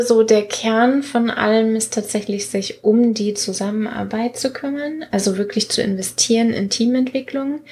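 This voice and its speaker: A woman's voice: medium pitch, darkish tone. A woman co-hosting a podcast, explaining in an earnest, chatty way with frequent fillers. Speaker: podcast co-host. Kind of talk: casual podcast talk.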